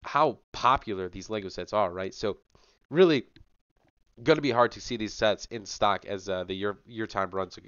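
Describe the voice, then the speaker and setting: A young man runs through a casual rundown for his channel via headset mic in a small home room, sounding a little sick but chatty, enthusiastic and full of fillers. His voice is lowish and a bit bright with a clean tone at normal speed, with no room sound and the highs cut off.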